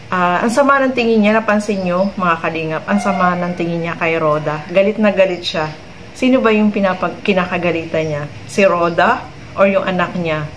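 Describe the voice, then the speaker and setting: A woman's voice: lowish voice, normal speed, a little hiss or hum, rough recording. A woman hosting a vlog, giving chatty commentary to her viewers and ending many remarks with tag questions. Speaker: vlog host commenting on a clip.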